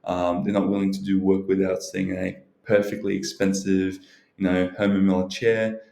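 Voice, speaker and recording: A man's voice: low-pitched, little pitch movement, moderate pace, gravelly, warm tone. A man giving casual, unscripted advice as a video host, rambling and hedging with frequent filler phrases. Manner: rambling, hedging, leans on "you know" and "look". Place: indoors, in a library. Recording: roomy, echoing indoor sound.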